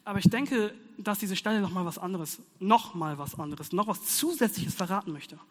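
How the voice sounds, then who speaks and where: A young man delivers a laid-back sermon in youth slang, animated, joking with his listeners. His voice sits high for a man. The sound rings with a long hall reverb. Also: moderate pace. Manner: slangy, animated, playful asides. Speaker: youth preacher. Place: hall with audience.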